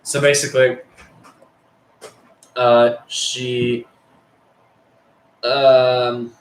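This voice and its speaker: A man's voice: mid-range voice, level tone, very slow, reverberant, rough recording. A teenage male telling crude, rambling stories about school, heavy on swearing and filler words. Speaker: storyteller. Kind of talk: casual storytelling.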